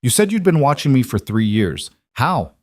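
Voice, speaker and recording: A man reading a young woman's lines in a story, speaking in a sharp, accusing way with a raised voice. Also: mid-range voice, very animated, moderate pace, no echo, studio quality, voice pushed up. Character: young woman, wary bride, hurt and angry.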